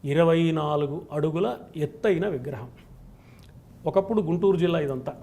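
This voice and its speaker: Give me a man giving a devotional discourse, high-pitched and gravelly, building points in rhythmic lists. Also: moderate pace, mellow. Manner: emphatic, rhythmic lists of qualities. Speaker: spiritual scholar guest.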